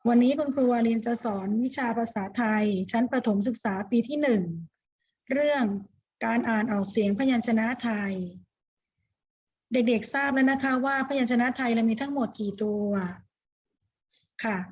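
A woman's voice: fairly high pitch, normal speed, breathy edge, lo-fi sound. Patient woman teacher drilling young kids. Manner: gentle, patient, repeats each item in a steady drill. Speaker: primary school Thai teacher. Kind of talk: slow classroom recitation for young children.

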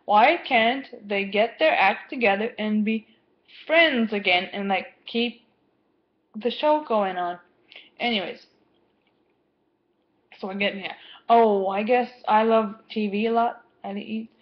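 A woman's voice: medium pitch, takes it slowly, pauses often. A teenage girl chatting casually to camera at home, rambling and easily distracted, with lots of "like". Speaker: vlogger. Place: home, indoors. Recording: dull lo-fi webcam sound.

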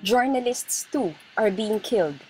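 A woman from the Philippines narrating a documentary voice-over in a steady, serious manner. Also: a little high, a little slow, faint music behind, poor audio.

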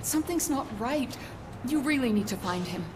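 A woman's voice: high-pitched, animated, moderate pace, noisy background. An actress playing a distraught middle-aged mother anxiously pleading for help in a video game.

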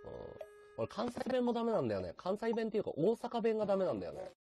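A man from Chiba chatting casually on his live stream, answering viewer comments in a relaxed, chatty way. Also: sits high, very fast. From Chiba, Japan. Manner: relaxed, chatty, talks back to chat comments.

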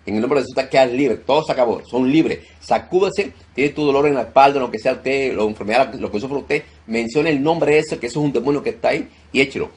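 A male preacher with a husky, slightly worn voice at an ordinary male pitch. He leads a deliverance prayer, repeating short, forceful commands at full volume. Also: quick pace, few pauses. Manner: commanding, shouts rebukes loudly. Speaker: pastor.

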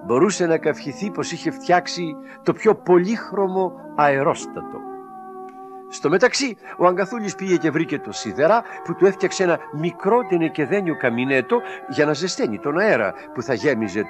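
A man tells a children's tale in a fairly high voice that rises and falls with lots of life. He reads with dramatic expression. Music plays steadily behind him. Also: very animated. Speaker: storyteller. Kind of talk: reading a children's storybook aloud. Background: background music.

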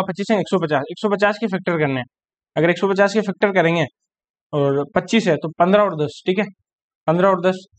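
A man teaching an exam-prep math lesson, working sums aloud and often checking whether students follow. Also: high voice. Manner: quick mental arithmetic aloud, frequent checking questions. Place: online class recording.

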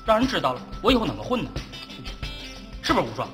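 A fussy, self-important young constable, rattling along. His pitch leaps wildly up and down at a fast clip, with music under the sitcom scene. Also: big pitch swings, a bit bright. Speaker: town constable. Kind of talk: sitcom acting.

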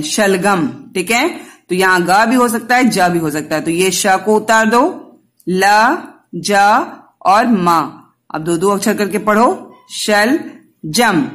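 Lady teacher going slow w little kids, spells out each letter, asks then answers herself. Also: medium pitch, a bit bright. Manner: patient, repeats and spells out letters, asks and answers her own questions. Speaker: kindergarten teacher. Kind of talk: online Hindi lesson for young children.

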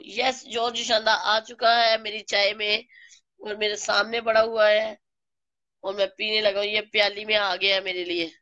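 A woman with a Pakistani Urdu accent, slightly hoarse from a flu, slowly greeting live stream viewers by name and teasing them. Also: mid-range voice, bright, forceful tone, no room sound, lo-fi sound. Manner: slow, greets viewers by name, playful scolding. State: hoarse from a flu and sore throat.

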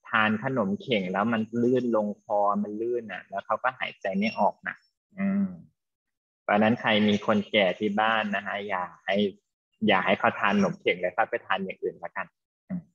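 A man teaching an English class to students, explaining slowly and patiently and affectionately calling them "child". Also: on the low side, fairly bright tone, muffled recording. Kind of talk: online class lesson with students.

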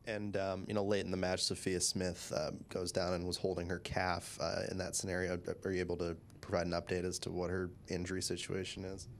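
A man's voice: low voice, completely flat delivery, fairly quick, few pauses, a little hiss or hum. A man asking a coach questions at a press conference, hesitant with plenty of fillers. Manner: hesitant, filler-heavy phrasing. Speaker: reporter.

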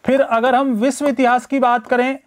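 A man's voice: very high voice, flat delivery, moderate pace, slight background noise. A man teaching a live online exam-prep lecture, talking in a chatty way, greeting viewers by name and acting out students' excuses. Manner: acts out students' excuses in first person.

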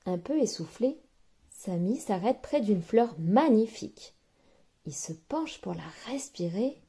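A woman reads a picture book aloud to small children, lingering over each phrase. Her voice is mellow and fairly high. Her melody rises and falls richly. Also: measured pace, husky. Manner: soft, expressive bedtime reading. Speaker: storyteller. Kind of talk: children's story reading.

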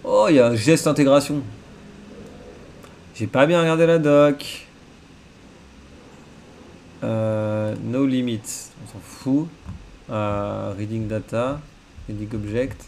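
A man's voice: mid-range voice, takes it slowly, long pauses, darkish tone, slight background noise. A man live coding and thinking aloud, muttering to himself in a casual, self-deprecating way. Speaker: coding streamer. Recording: faint keyboard typing behind.

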